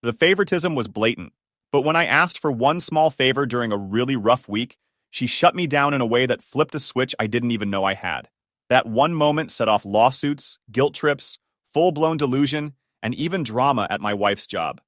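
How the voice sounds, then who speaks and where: A man reading a scripted first-person story in an even, measured way. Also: medium pitch, no echo, clean studio sound. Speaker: story narrator.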